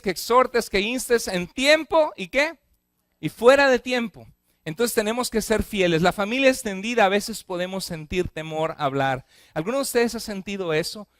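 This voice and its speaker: A male pastor preaches to his church in a fairly high voice. He keeps turning to the congregation with questions, rushing through lists and then slowing to press a point home. The sound is dry and close, with little room echo. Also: a bit bright. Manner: asks the congregation frequent questions; speeds up on repeated lists, slows for emphasis. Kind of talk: sermon.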